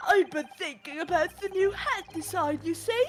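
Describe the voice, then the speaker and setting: Woman playing a high, frantic excitable male witness. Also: normal speed, soft background music. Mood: excited, agitated. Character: frantic, excitable male eyewitness gushing his testimony. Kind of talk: fan dub of a visual novel game.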